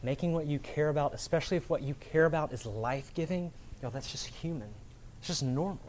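Speaking quickly in a somewhat high, slightly mellow voice, this male pastor delivers a casual, conversational sermon. He talks colloquially and often checks in with his audience using "right?", while a little hiss or hum runs under the audio.

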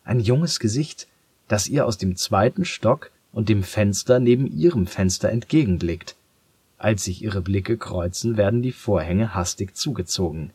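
A man reads a children's story in a calm, measured voice. His voice is very low and husky, and he speaks slowly and steadily. The recording is close and dry. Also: dry recording. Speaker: narrator. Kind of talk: storybook narration.

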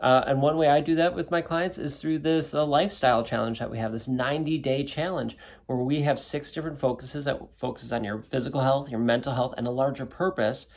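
A little fast and fairly even in intonation, a man in his thirties speaks in a mid-range voice on his solo wellness podcast. He coaches listeners in a casual, conversational way, frequently adding "right?"

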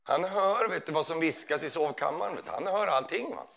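Guy preaching, gravelly voice, goes up and down a lot, chatty with the crowd. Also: fairly high pitch, expressive, a bit bright. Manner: conversational, asks listeners questions. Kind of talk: sermon.

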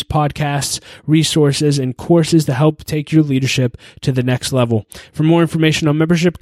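A man hosts a leadership podcast and reads his intro with upbeat, promotional energy. His voice sits a little high and sounds close and dry, with no room around it. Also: darkish tone, no echo. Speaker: podcast host. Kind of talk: scripted podcast intro and interview.

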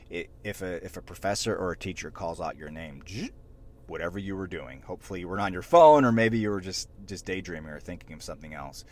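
Deep male news-presenter type, casual coaching tone, lively delivery with frequent restarts. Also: a little hiss or hum. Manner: energetic, many restarts, punches the last word. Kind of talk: casual instructional talk.

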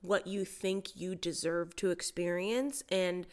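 A woman with a slightly low voice talks casually as a solo podcast host. She sounds congested, with the stuffy nose of a head cold. Her way of talking is chatty and informal. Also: steady tone, slow. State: has a cold. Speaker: podcast host and mindset coach.

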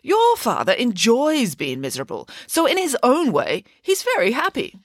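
A woman's voice: on the high side, huge pitch swings, normal speed, no room sound, clean studio sound, pitched above the performer's own voice. Nanny Piggins, a woman doing a vain pig nanny. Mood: grandly boastful. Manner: boastful and theatrical. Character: grand, vain, cake-loving female pig nanny.

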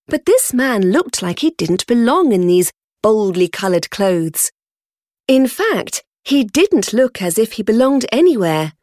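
A woman narrating a storybook in a measured, expressive reading. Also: mid-range voice, no room sound, clean studio sound.

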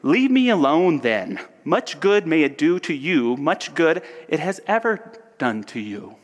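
Grumpy old miser, gruff and dismissive, played by a man reading aloud, loud with a long echo. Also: fairly high pitch, sing-song, unhurried, voice pushed up. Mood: scornful. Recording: long hall reverb.

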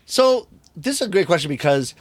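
A middle-aged rakugo storyteller with a high-sitting, fairly quick, slightly breathy voice talks in a casual interview, captured in a dry recording. He's animated and acts out the voices of the people in his stories.

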